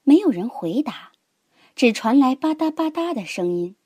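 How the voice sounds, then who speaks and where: A woman narrating a children's story in a gentle, expressive, dramatic way. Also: high voice, normal speed, slightly rough, dry recording, clean studio sound.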